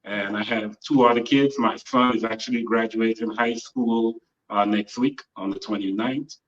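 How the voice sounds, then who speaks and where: Guest author, a man in his forties from Guyana, measured and hesitant, recorded on a phone from some distance with dull sound. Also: lowish voice, fairly even intonation. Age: 40s. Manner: measured, trailing off with frequent uhs. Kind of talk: interview answers. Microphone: phone held by another person.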